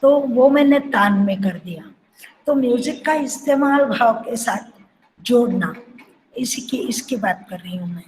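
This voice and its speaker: Slow-spoken older woman dance teacher. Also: on the high side, expressive, a little mellow, a little hiss or hum, low-quality recording. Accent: Marathi. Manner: reflective, sings phrases to illustrate. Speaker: kathak guru teaching. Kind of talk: lecture with sung syllables.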